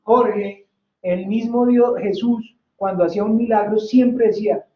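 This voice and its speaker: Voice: medium pitch, unhurried. A Bible-study teacher leading a faith study, telling stories and often checking in with the class. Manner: lively, asks "¿sí?" to check the class, tells stories. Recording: roomy, slightly dull recording.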